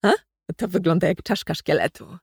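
A woman's voice: fairly low pitch, moderate pace, gravelly, a little mellow, husky, no room sound, studio quality, full character voice. A woman reading as an eager stargazing husband. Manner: eager, explaining. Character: enthusiastic stargazing husband, adult man. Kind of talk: read-aloud literary fiction.

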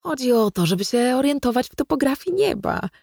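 A woman's voice: sits high, sing-song, fairly quick, vocal fry, darkish tone, breathy edge, dry recording, clean studio sound, pitched above the performer's own voice, heavily acted. A woman reading as an eager stargazing husband. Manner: eager, explaining. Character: enthusiastic stargazing husband, adult man. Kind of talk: read-aloud literary fiction.

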